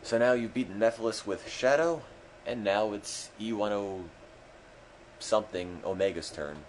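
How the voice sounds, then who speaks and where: Low-voiced man, dry game commentary. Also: moderate pace, slight background noise, rough recording. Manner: dry, sarcastic, self-deprecating. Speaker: stream host and game player. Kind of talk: let's play commentary.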